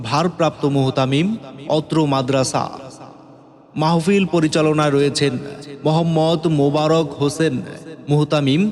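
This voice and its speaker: Chanting man announcing through a loudspeaker. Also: fairly high pitch, long reverb tail. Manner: half-sung, chanting announcer cadence. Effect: through a loudspeaker horn. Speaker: event announcer.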